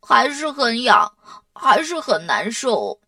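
A woman's voice: fairly high pitch, animated, a little slow, bright, forceful tone, no echo. A whiny little boy voiced by a woman. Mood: glum. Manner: whiny, complaining. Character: young boy, sick and grumbling. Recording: distant mic, dry sound.

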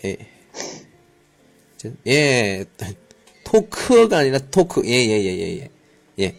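A Korean language teacher hosts a live online class, chatting conversationally with learners, mixing in Mandarin words and often murmuring short acknowledgments. His medium-pitched voice is creaky and very slow, with huge swings in pitch.

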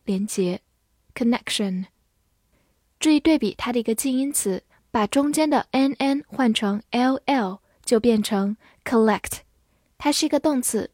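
A woman teaching English vocabulary, spelling words letter by letter and modelling slow repetitions. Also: a little high, darkish tone, no echo, clean studio sound. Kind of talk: vocabulary lesson, spelling and slow read-alouds.

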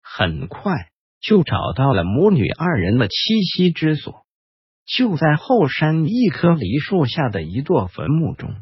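A man hosting and narrating a ghost story in a slow, hushed storytelling manner. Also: fairly high pitch, very animated, slightly rough, no echo, dull audio. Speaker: host and storyteller.

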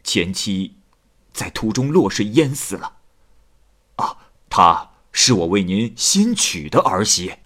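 A man doing a smooth-talking scheming boatman. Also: fairly low pitch, very animated, a bit bright, exaggerated voice. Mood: evasive. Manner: slow, coaxing, persuasive.

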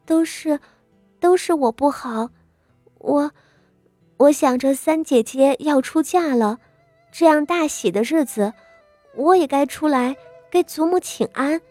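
A woman's voice: sits high, a little slow, pauses often, a little mellow, dry recording, soft background music, pitched above the performer's own voice. A woman voicing a timid, sickly young noble girl who speaks meekly and stammers a little. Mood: meek, pleading. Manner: meek, hesitant, stammering.

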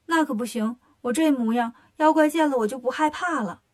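A cheeky, bragging monkey king, as a woman storyteller puts him on. He talks briskly and cocky in a children's storybook tale. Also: sits high. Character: boastful cheeky young monkey king disciple.

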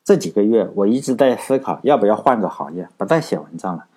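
A man voicing an earnest young male writer who dotes on his girlfriend, in a husky, low voice. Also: animated, fast, warm tone.

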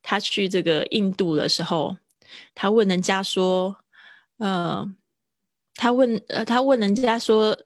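A woman's voice: mid-range voice, slow pace, no echo, clean studio sound. Chatty woman teaching English. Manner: chatty, explains patiently, laughs often. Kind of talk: live-streamed English lesson.

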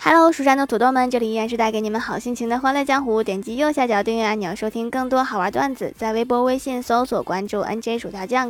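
Woman podcast host, fairly high voice, animated joke reader who laughs at her own punchlines. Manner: animated delivery with punchy raised lines. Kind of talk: reading jokes on a comedy podcast.

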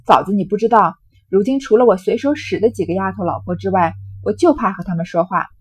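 A woman reading as a brisk, sharp-tongued young noblewoman. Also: medium pitch, slight background noise, close to an everyday voice. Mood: teasing. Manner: brisk, teasing, commanding.

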